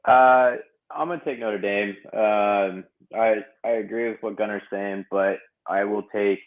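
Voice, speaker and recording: A man on a sports podcast panel, talking haltingly with many fillers. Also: lowish voice, fairly even intonation. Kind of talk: casual sports chat. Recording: tinny phone-like line.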